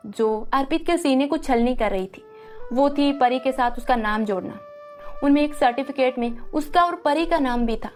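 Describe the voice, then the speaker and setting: Woman narrator for an audio drama, high voice, emotive, faint music behind. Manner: emotive storytelling.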